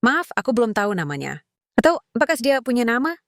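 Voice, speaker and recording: A woman's voice: on the high side, sing-song, quick pace, no room sound, studio quality, voice pushed up. A woman voicing an arrogant, scornful man who talks in a mocking, sneering way, read as a story. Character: arrogant scornful man, the girl's estranged father.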